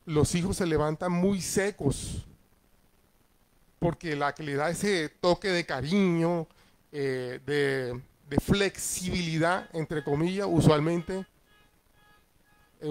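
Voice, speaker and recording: A middle-aged man, a pastor teaching Sunday school in a conversational way and checking in with his listeners. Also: on the high side. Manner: acts out family voices in passing.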